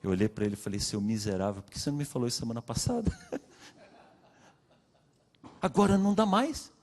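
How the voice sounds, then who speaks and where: A man with a Brazilian Portuguese accent preaching a sermon, telling his own story and acting out the dialogue with swings in pitch and loudness. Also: wildly swooping pitch, fast talker. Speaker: pastor. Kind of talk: sermon testimony. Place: church hall. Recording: long reverb of a church hall.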